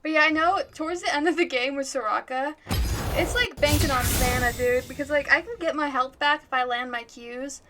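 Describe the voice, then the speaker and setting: A woman's voice: high-pitched, a little fast, over music. A woman livestreamer giving chatty, giggly gaming commentary, laughing often.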